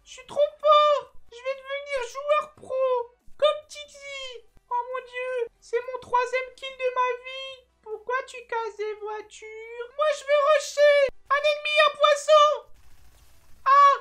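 A man's voice: very high-pitched, slow pace, exaggerated voice. A man putting on the voice of a small boy who whines, begs and squeals in an online game chat, as a prank. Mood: excited. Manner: childish, whining, excited squeals. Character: little boy gamer, whiny, crybaby.

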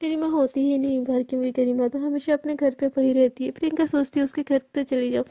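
A woman narrating a love story in a casual, chatty way, full of fillers and quick asides. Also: sits high, steady tone, dark tone, no echo. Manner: chatty, uses fillers, voices characters' lines with small shifts.

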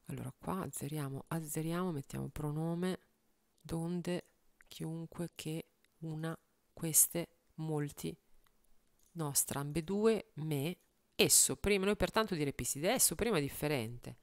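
A woman's voice: deep voice, a little slow, gravelly, no room sound. A woman who sings, thinking aloud in casual chat while she strings words into lyrics, muttering lists of words and trying out phrases with a wry, self-mocking manner. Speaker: singer and video host.

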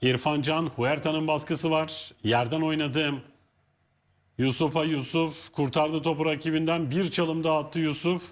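Casting: male football commentator, high voice, live play-by-play, excited raised-voice goal calls. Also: unhurried.

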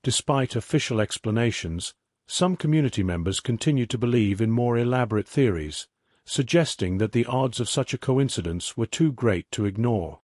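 A man reading scripted narration for an online mystery series in an even, measured documentary manner. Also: mid-range voice, dry recording, studio quality.

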